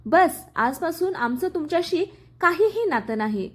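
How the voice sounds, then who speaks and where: A woman's voice: high-pitched, big pitch swings, unhurried. A woman voicing a young husband who speaks firmly and earnestly in a story reading. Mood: stern. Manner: firm, earnest. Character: young husband, firm and protective.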